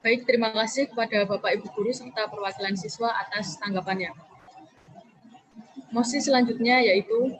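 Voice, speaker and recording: A woman's voice: on the high side, a little fast, rough recording. A woman student moderator formally announcing the next motion and inviting the teachers to respond.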